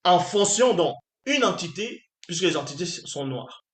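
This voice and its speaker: A man's voice: high-pitched, expressive, normal speed, fairly bright tone, echoey room. A man giving an emphatic spiritual teaching, often pressing his listeners with rhetorical questions. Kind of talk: preaching lecture.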